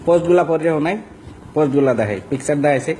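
A man's voice: fairly high pitch, fast talker, warm tone, a little hiss or hum, poor audio. Mocking man with a Barishal accent. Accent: Barishal Bengali. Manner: mocking, coarse and insulting. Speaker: social media vlogger. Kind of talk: ranting monologue.

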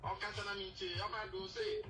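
A man's voice: high voice, big pitch swings, fast. A man calling in to a radio show, rambling and mixing pidgin with local language. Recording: distant voice with music behind.

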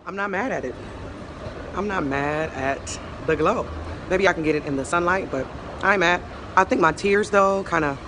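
A woman's voice: sits low, fairly bright tone, slight background noise. Chatty young woman vlogging on her phone. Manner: chatty, upbeat, slangy asides. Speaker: beauty vlogger. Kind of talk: casual vlog chat. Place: small room at home, then city street and gym. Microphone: phone camera held close.

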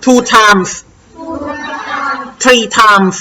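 A woman English teacher with a Thai accent, slowly and patiently explaining a worksheet to young pupils and having them repeat words. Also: mid-range voice, background noise.

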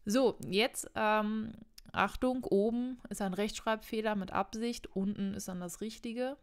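Talking straight to the viewer at a measured pace, a young woman gives a casual online Spanish lesson in a medium-pitched, steady, clean voice. She's chatty and fixes her own mistakes along the way.

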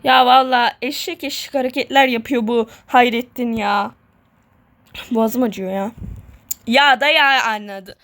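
Her voice is a little high and a bit bright, with fairly even intonation and an unhurried pace. As a gamer vlogger in a casual let's-play, this woman rambles while she plays, mocking herself jokingly and repeating words again and again.

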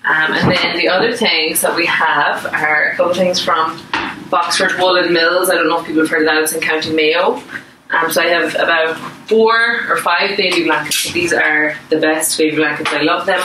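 A woman's voice: deep voice, fairly even intonation, normal speed, background noise. A woman in her thirties with an Irish accent, chatting informally through a home cooking demo and talking to her toddler between explanations. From Ireland. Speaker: chef. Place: home dining room, indoors. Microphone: camera across the table. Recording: echoey room from a distance.

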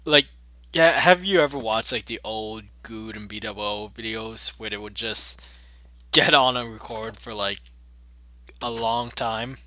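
Man, casual gameplay chat, bright tense tone, dry close sound, tired mumble. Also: lowish voice, a little slow, dry recording. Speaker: gamer in a co-op session.

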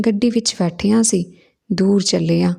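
A woman's voice: medium pitch, creaky, dark tone, slightly rough. Woman doing a confused, childlike young man. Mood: vague. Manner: short, halting, childlike answers.

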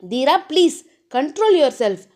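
Woman reading as a calm, soothing old grandfather. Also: sits high, normal speed. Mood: reassuring. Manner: reassuring, hesitant.

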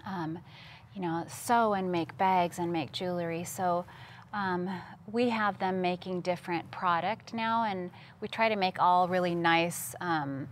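A Costa Rican woman who works in missions is interviewed at a studio table, sharing her personal testimony earnestly and conversationally. Her slightly low voice moves at a measured pace over some background noise.

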